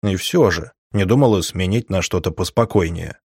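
Low-voiced guy reading a careful wry mage, steady and measured, dry close sound. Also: breathy edge, no room sound. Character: cautious, wry adult male mage.

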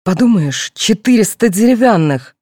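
A woman reading the part of an impatient, sharp-tongued mother who snaps and brushes things off. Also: mid-range voice, animated, normal speed, dry recording, studio quality, lightly acted. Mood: coaxing. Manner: dismissive, snapping.

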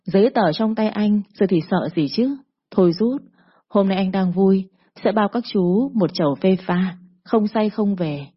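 A woman's voice: medium pitch, a little slow, husky. Báo Gấm, a woman doing a sneering gangster. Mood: menacing. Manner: sneering, bullying drawl. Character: swaggering male gangster loan shark, lewd and cocky. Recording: dull lo-fi recording.

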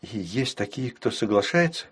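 A man's voice: mid-range voice, animated, normal speed, slightly rough. A man voicing a clever young woman who explains things in a dry, matter-of-fact way. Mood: curious.

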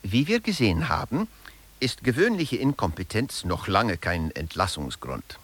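Playing a pedantic professor in a satirical radio play, a man sums up findings in a scripted lecture with emphatic, heavily acted delivery. His voice is fairly low and fairly bright, swinging widely in pitch at a moderate pace.

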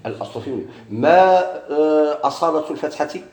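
Fast-talking Moroccan grammar teacher. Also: male voice, a little high, animated, darkish tone, reverberant. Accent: Moroccan Arabic. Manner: poses questions and answers them himself. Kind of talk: classroom grammar lesson.

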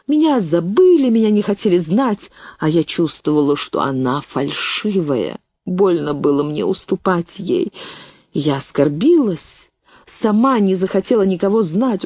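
Woman doing an older spinster aunt: remorseful, grave, unhurried, soft dark tone. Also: medium pitch, no echo, clean studio sound. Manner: anguished, self-reproaching, then grave and soothing.

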